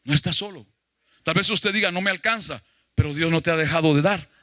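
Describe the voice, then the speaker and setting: Male pastor, sermon, fairly high voice, emphatic and questioning, dry close sound. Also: fast, fairly bright tone, no echo. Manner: emphatic preaching with questions to the congregation.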